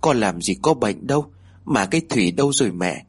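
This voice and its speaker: A man voicing a grieving young mother who seems possessed, crying out in shrill pleas. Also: expressive, a little fast, husky. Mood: bewildered. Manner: shrill pleading cries.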